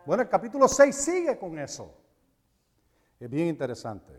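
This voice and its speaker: A man preaching a sermon, animated and emphatic, repeating phrases for stress. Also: on the high side, normal speed. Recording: reverberant hall.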